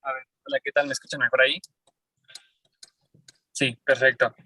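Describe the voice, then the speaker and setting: Brisk bright-voiced Mexican man. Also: mid-range voice, flat delivery, slightly rough, poor audio. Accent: Mexican Spanish. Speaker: student movement representative.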